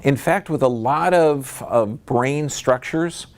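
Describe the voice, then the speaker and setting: The man addresses a live audience in a room at a slow pace. He speaks with emphasis, his pitch jumping upward whenever he wants to stress something.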